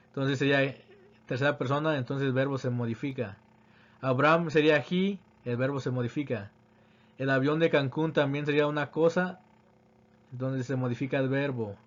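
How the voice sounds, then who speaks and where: A man teaching English grammar, reading example sentences slowly and then translating them. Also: mid-range voice, highs cut off. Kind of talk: grammar lesson explaining examples.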